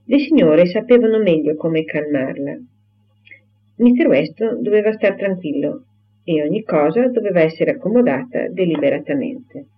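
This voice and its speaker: A man narrates a classic novel in a measured, steady reading. His voice sits somewhat high for a man. The recording is thin and tinny, like a phone line. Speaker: audiobook reader.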